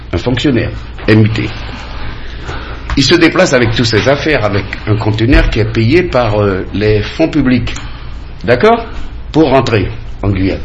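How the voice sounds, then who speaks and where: The highs are cut off in this recording, which also has slight background noise. A medium-pitched man from French Guiana, running as a candidate, speaks insistently in a studio radio campaign debate, repeating phrases to hammer his points.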